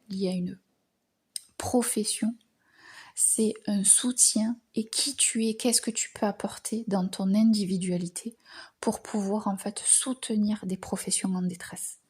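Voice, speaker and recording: A woman from France gives a slow, thoughtful astrology monologue. Her voice is soft and mellow with a breathy, slightly husky edge. She hesitates often, and her phrases fade away into a near whisper. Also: medium pitch. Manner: hesitant, frequent filler pauses, words trailing off into whispers. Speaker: astrology channel host. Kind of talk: reflective spoken monologue.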